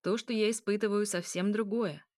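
A woman voicing a calm, stubborn male vampire in an audiobook, speaking quietly and with restraint. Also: mid-range voice, moderate pace, no echo, clean studio sound, close to an everyday voice. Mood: restrained. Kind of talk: audiobook character reading.

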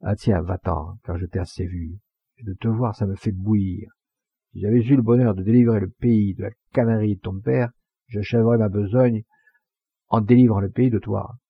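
A man's voice: on the low side, fairly even intonation, moderate pace, gravelly, breathy edge, no room sound, narrow, tinny audio, heavily acted. A man voicing a proud, hot-tempered Provençal poacher in a storybook reading, with scornful, fiery retorts.

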